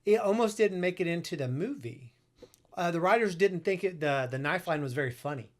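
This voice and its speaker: A man with a notably high voice chatting on a casual podcast. He laughs easily and stumbles over his words with fillers. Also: lively intonation, brisk. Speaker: podcast co-host.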